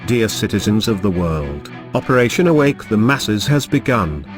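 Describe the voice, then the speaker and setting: A man's voice: on the low side, sing-song. A man with an altered, disguised voice reading a solemn scripted manifesto as an anonymous spokesman. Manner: solemn, measured declarations. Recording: over loud background music. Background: music.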